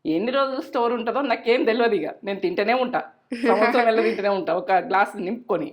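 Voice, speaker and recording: Fast-talking middle-aged woman. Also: a little high. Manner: chatty, repeats herself, gives homely advice. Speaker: cooking channel host. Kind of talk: casual cooking chat with advice.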